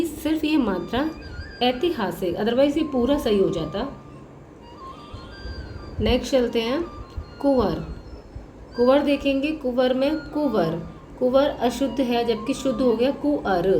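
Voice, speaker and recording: A woman's voice: fairly high pitch, warm tone. A woman college professor giving a spelling lesson, patiently working through correct and incorrect words and repeating each one. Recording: echoey room with faint music.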